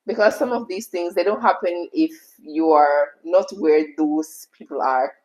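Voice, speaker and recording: A woman's voice: low voice, unhurried, a little mellow, low-quality recording. Jamaican woman in casual, emphatic chat. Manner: emphatic, repeats phrases, slips into patois. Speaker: co-host answering viewer questions.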